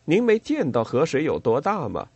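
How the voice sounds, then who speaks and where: A man's voice: on the high side, wildly swooping pitch, moderate pace, vocal fry, darkish tone, slightly rough, dry recording, pitched above the performer's own voice, heavily acted. A man reading an audiobook voices a blunt army sergeant who speaks dismissively.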